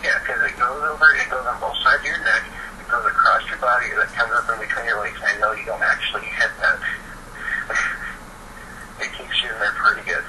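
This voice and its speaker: Heard over a noisy, distant phone line, this teen or young adult man has a medium-pitched voice with fairly even intonation and a fairly quick pace. He's chatting casually and laying out his views with eagerness.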